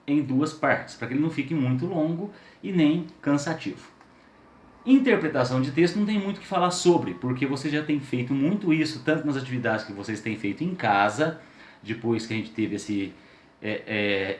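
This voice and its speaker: Lively teacher in an echoey room. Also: male voice, medium pitch. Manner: lively, questioning, stretches out example words. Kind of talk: recorded video lesson.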